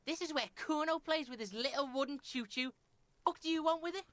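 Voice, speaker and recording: A woman's voice: sits high, fairly quick, dry recording, close to an everyday voice. A woman voicing a crude, foul-mouthed boy who mocks and taunts in the third person. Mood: sneering.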